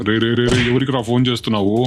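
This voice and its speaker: Man, mid-pitched and commanding, mock-heroic game dub, faint music behind. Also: steady tone, racing. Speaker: game character voice actor. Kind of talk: Telugu game dub role-play.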